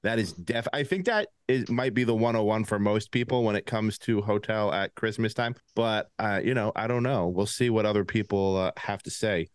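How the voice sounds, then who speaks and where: A man's voice: on the low side, normal speed, hardly any pauses, smooth, no echo, clean studio sound. A man with a lisp hosting a casual podcast game, laughing often as he runs the draft.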